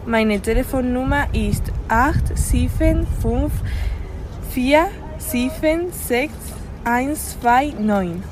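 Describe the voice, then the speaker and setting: A woman, a language student reading a classroom dialogue slowly and carefully. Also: sits high, animated. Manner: slow, careful. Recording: noticeable background noise.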